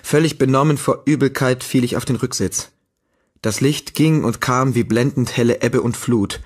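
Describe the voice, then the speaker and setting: A male audiobook narrator telling a first-person novel. His delivery is measured and steady, and his voice sits at a middling pitch. He reads with an even, unhurried storytelling pace.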